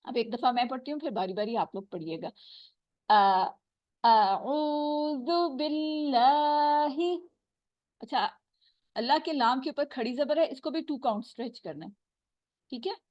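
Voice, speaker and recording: A woman teaching Quran recitation, patiently explaining and slowly repeating sounds to demonstrate them. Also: fairly high pitch, expressive, no echo, highs cut off. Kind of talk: tajweed lesson.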